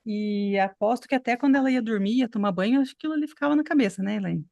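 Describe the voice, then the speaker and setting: A woman's voice: fairly high pitch, very fast, vocal fry, dark tone, dry recording, lo-fi sound. A woman English teacher explaining to her students in an online class, encouraging and chatty, often tagging her sentences with little checks. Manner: explanatory, encouraging, many filler tags.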